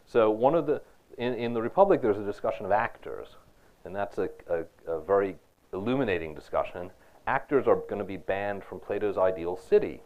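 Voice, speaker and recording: Man, university lecturer, low voice, conversational, dull lo-fi recording. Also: expressive, a little fast. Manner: conversational, asks students questions, repeats "right?".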